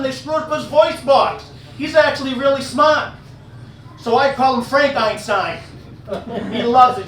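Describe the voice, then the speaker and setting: A stand-up comedian with an extremely high, fairly bright voice performs live in a werewolf persona, with a little hiss or hum. Heard from a distance in an echoey room, he tells crude punchline jokes, works the crowd and laughs at his own gags.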